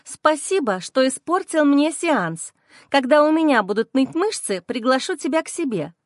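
Woman doing a mocking young woman, sugary singsong, high, dry. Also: big pitch swings, normal speed, no room sound. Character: young woman, sharp-tongued mocking sister.

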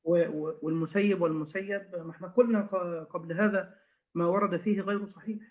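A man commenting in a scholarly lesson, explaining points of language with measured questions. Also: high voice, fairly even intonation. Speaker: teacher commenting on the reading. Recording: dull lo-fi recording.

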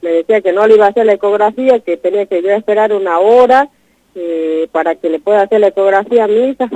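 A woman pours out a distressing account, circling back and repeating words in her urgency. Her mid-pitched voice sits close and dry with no room around it. The sound is dull and lo-fi, like a radio broadcast. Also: quick pace, warm tone, no echo. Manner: urgent, repetitive, retelling in a rush. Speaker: guest telling her story. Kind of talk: emotional first-person account.

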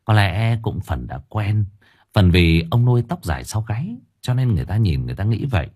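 Husky, lively storyteller man. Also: on the low side, brisk. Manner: lively, colloquial narration. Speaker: audiobook narrator. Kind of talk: storytelling narration.

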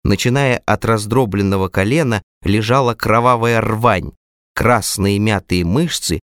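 A man reading a literary audiobook aloud in the first person, expressive and dramatic. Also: lowish voice, unhurried, no echo, clean studio sound. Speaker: audiobook reader.

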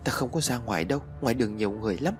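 A man's voice: medium pitch, animated, rapid-fire, soft background music, natural voice. A man voicing a frightened, trembling teenage boy who insists he is being haunted, in a spoken ghost story.

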